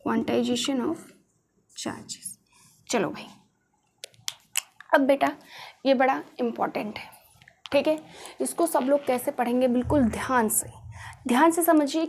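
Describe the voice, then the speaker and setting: A woman's voice: high-pitched, a little mellow, a little hiss or hum. A woman teaching a class, who keeps asking her students questions and repeating the key terms. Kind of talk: classroom lecture. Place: classroom with a board.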